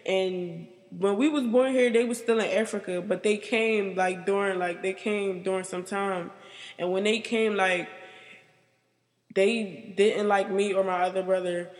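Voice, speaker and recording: A young woman speaks haltingly about her life, her sentences stopping and restarting around a steady stream of "like." Her voice rings with a long reverb. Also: medium pitch. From United States. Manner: halting and rambling, filled with "like". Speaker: interviewee. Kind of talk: personal interview.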